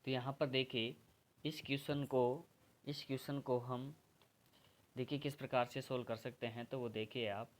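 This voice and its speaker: A man's voice: medium pitch, fairly even intonation, normal speed. Indian guy, step-by-step grammar lesson, keeps calling everyone friends. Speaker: English grammar teacher. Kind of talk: exam-prep grammar lesson.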